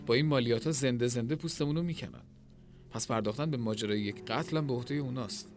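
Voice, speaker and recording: A man's voice: mid-range voice, music in the background, close to an everyday voice. A man doing a grumbling, money-minded innkeeper. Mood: indignant. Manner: complaining, defensive.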